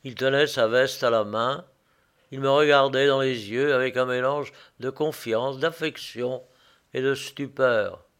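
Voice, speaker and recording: A man reading a first-person story aloud as narrator. His delivery is slow and measured, at an ordinary middle pitch. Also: fairly even intonation, fairly bright tone, clean tone.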